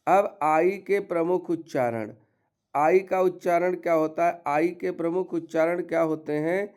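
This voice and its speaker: Slow, dark-voiced male teacher. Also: a little high, clear, resonant tone. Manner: slow, explaining rules step by step with word examples. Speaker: English teacher. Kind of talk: classroom-style pronunciation lesson.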